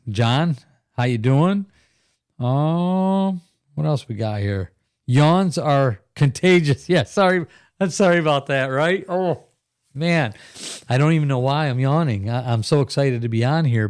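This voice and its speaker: A man's voice: mid-range voice, darkish tone, dry recording, studio quality. A middle-aged man hosting a live podcast stream in a rambling, chatty way, laughing often and reading viewer comments aloud. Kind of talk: casual live-stream chat.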